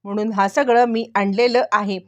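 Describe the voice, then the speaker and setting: A woman's voice: mid-range voice, steady tone, moderate pace, muffled recording, close to an everyday voice. A woman voicing a young scheming husband who talks in a boastful, sly way.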